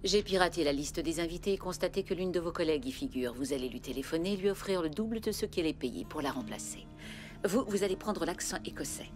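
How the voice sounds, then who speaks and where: An actress playing a cool, controlled female assassin who speaks with quiet menace. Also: low-pitched, expressive, fast, faint music behind. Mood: cold, calm. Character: cold, calculating female assassin. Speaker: cold professional killer.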